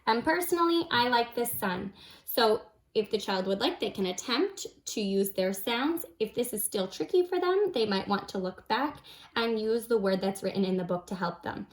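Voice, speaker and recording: A woman's voice: fairly high pitch, lively intonation, moderate pace. A woman teaching an early reading lesson, explaining patiently step by step in simple phrases and modelling examples for young learners. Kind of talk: instructional demonstration of a kindergarten reading lesson.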